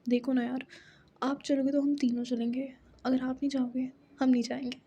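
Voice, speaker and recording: A woman's voice: high-pitched, flat delivery, moderate pace, warm tone, muffled recording, a little hiss or hum. A woman voicing an insistent, hot-tempered young woman who pleads with and pressures her partner. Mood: coaxing.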